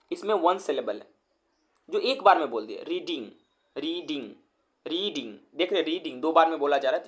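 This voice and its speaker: A man teaches English grammar in a slightly high voice. He calls his viewers friends and says each word over, slowly, one syllable at a time. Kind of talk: explanatory lecture.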